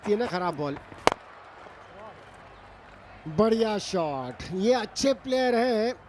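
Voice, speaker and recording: A man's voice: high voice, expressive, unhurried, darkish tone, a little hiss or hum. A man giving Hindi cricket commentary as a match commentator.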